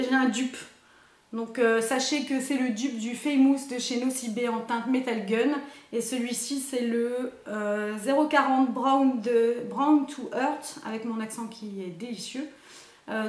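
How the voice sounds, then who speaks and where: A woman's voice: high voice, reverberant. A young woman, chatting in a rambling way with many hesitations as a beauty vlogger, recorded indoors on a camera mic. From Belgium. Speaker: beauty youtuber. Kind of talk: casual haul vlog.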